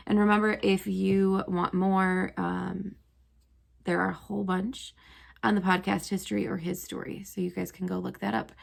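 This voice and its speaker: A woman's voice: medium pitch, little pitch movement, moderate pace, gravelly. A young woman, a teacher, casually retelling history stories to her students, chatty and full of "um" and "like". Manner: chatty, lots of "um" and "like".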